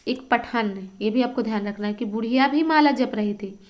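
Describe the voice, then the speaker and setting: A woman's voice: on the high side, normal speed, a little mellow. A woman teaching Hindi literature who reads a story aloud and stops to explain it for exam students. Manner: reads a passage, then stops to quiz and explain.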